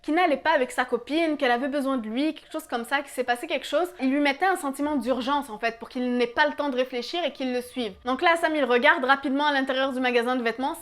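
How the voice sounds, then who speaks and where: A woman's voice: high voice, fairly bright tone. A young woman casually narrating a true scary story, chatty with many fillers.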